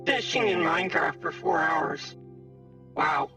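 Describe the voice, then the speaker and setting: A man's voice: sits high, a little slow, far from the mic, over music, voice pushed up. A man live-streaming in VR, talking through a synth robot voice changer, chatting casually with viewers while juggling his setup.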